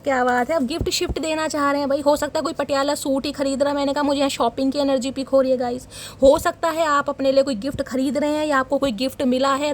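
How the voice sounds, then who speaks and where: High-voiced woman giving a playful tarot reading. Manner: teasing, dramatic, addresses viewers as guys and darling. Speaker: tarot reader. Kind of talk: casual tarot reading for viewers.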